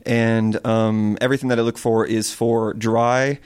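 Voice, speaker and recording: A man's voice: mid-range voice, little pitch movement, unhurried, a little mellow, clear, resonant tone. A man from Connecticut who runs a small farm, earnestly explaining his work in an interview. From Connecticut, USA. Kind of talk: interview answers.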